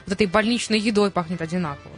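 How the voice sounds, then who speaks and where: Женщина-радиоведущая непринуждённо болтает в эфире, поддразнивает и перебивает собеседников. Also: female voice, mid-range voice, rapid-fire. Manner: teasing, interjecting. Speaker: radio host. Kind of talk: casual chat on air. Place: radio studio. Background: clear music.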